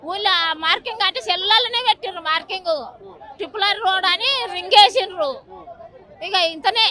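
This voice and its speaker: An older woman with a Telangana accent laments as a protesting farmer, pleading for her land. Her voice is very high, with a loud crowd pressing around her outdoors. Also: a little fast.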